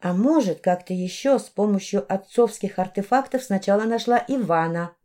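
A woman narrating a first-person audiobook in a reflective, steady way. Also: mid-range voice, moderate pace.

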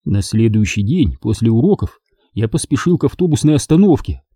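A man reading a children's book aloud as scripted narration, in a lively way. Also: fairly quick, slightly rough, no echo, clean studio sound. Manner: lively reading, raised pitch for the boy's shouted lines. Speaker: audiobook reader.

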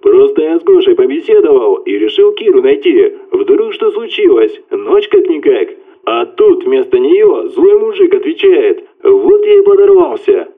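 A man voicing a brash, loud male buddy heard over a phone line, with blunt, rowdy, slang-filled talk. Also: on the high side, huge pitch swings, measured pace, hardly any pauses, voice pushed up, full character voice. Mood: rowdy, chatty. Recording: tinny phone-line sound.

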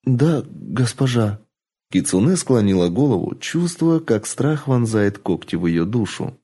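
A male audiobook narrator who tells the story expressively and dramatically. His tone is mellow and dark, and his intonation rises and falls in lively swings. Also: on the low side, normal speed, slightly rough.

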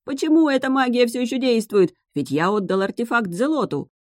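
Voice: normal speed, darkish tone, no room sound, clean studio sound, lightly acted. A reader voicing a panicking, vain middle-aged male ambassador who shrieks and wails, in an audiobook. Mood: desperate. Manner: shrill, wailing and shrieking. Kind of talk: audiobook character voice.

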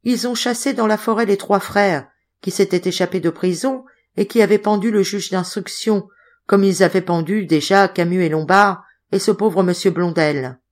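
A woman's voice: mid-range voice, moderate pace, close to an everyday voice. A woman reading an audiobook, voicing a bold, cunning old female servant who talks brashly and emphatically. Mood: insistent.

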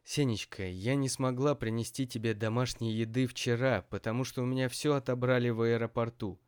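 A man's voice: mid-range voice, fairly even intonation, fairly quick, clear, resonant tone, close to an everyday voice. A man voicing an anxious older mother who pleads with and soothes her son in an audiobook.

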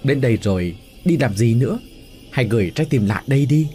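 A man's voice: medium pitch, lively intonation, fast talker, dark tone, soft background music, lightly acted. A man voicing a cruel, blood-hungry demon. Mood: menacing. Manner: taunting, menacing. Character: bloodthirsty vengeful demon spirit, cruel and mocking.

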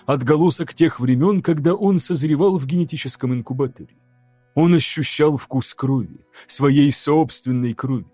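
Чтец-мужчина, мягкий тёмный тембр, размеренное драматичное чтение, тихая музыка фоном. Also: male voice, a little high, mellow, dry recording, faint music behind. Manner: measured, dramatic reading. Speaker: audiobook narrator. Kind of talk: scripted narration.

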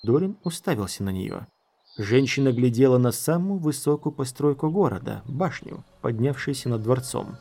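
A man narrating an audiobook in a measured storytelling manner. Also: mid-range voice, lively intonation, warm tone.

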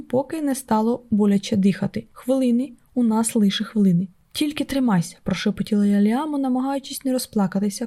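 A woman's voice: a little high, dark tone. A woman narrating an audiobook in a tense, urgent way.

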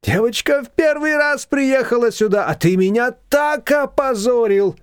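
A man voicing a shrill, scolding older shopkeeper woman. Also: expressive, moderate pace, smooth, no room sound, studio quality. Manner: shrill scolding, cursing tirades. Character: loud older female shop owner, quarrelsome.

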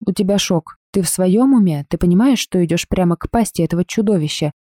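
A woman voicing a loyal young woman who shouts at a mob in tears, with shrill indignant outbursts. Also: fast talker, no echo, studio quality, natural voice. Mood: frantic. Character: brave loyal young woman, fierce and tearful.

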